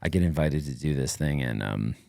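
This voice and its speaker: A middle-aged man talks as a guest on a podcast, spilling out a long story in an energetic, rambling way full of fillers. His voice sits very low. The sound is close and dry, like a studio mic with no room around it. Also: brisk, gravelly, no room sound. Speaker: podcast guest, former Navy SEAL. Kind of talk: casual interview storytelling.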